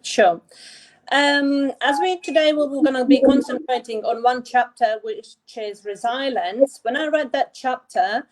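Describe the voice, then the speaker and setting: Hesitant woman from Latvia, slightly high. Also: poor audio. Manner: hesitant, halting. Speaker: guest. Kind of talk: online event chat.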